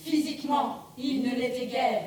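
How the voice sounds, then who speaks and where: A woman's voice: sits high, measured pace, darkish tone. A woman on stage playing a solemn, commanding angel, declaiming in a grandiose, incantatory way. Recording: distant mic in echoey theatre.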